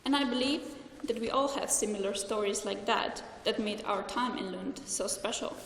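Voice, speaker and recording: A woman's voice: a little high, slight background noise. A young woman from Slovenia giving a formal graduation speech in English at a lectern, speaking earnestly and carefully from notes, with a few small restarts. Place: large hall. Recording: echoey hall with faint ambience.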